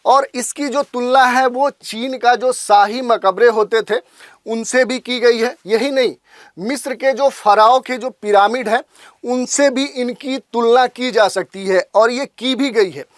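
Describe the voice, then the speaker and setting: A lecturer giving a steady explanatory lesson for exam preparation, often restating points with filler phrases. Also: medium pitch, unhurried, no room sound, studio quality.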